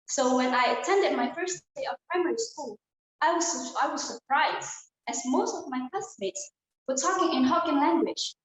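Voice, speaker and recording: Her voice sits high and moves at normal speed as this young Indonesian student earnestly gives a prepared inspirational speech, speaking directly to listeners on a video call. The audio is poor and very echoey.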